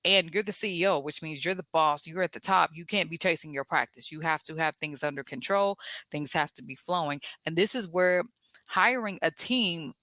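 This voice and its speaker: Bright-voiced Southern woman coaching. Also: low voice, moderate pace, no room sound. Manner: energetic, direct, coaching with rhetorical questions. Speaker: podcast host and business coach for therapists. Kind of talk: solo podcast teaching.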